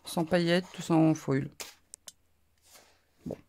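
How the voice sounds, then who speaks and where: A woman's voice: low-pitched, fairly even intonation, slow, mellow. A woman with a northern French accent, chatting casually and rambling with frequent asides as she shows off her crafting purchases in a haul video. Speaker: crafting YouTuber.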